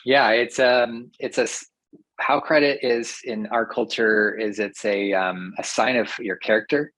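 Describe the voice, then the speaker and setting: A man, a professor, explaining ideas to a podcast host in a thoughtful, measured way with occasional fillers. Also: medium pitch, fairly even intonation, a bit bright, poor audio. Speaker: professor guest. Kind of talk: explanatory interview talk.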